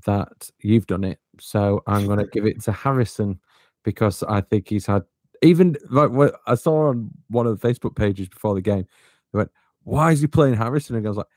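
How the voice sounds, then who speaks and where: Man, podcast host; low voice, dry close mic, chatty and teasing. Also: brisk, a little mellow, no echo. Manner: chatty, hands the floor to others, teasing. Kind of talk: casual football podcast chat.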